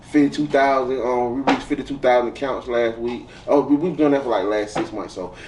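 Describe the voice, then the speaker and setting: A man's voice: medium pitch, a little fast. A man hosting a casual chat show, joking and laughing often and boasting about himself. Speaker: host. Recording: echoey room, far from mic, faint noise.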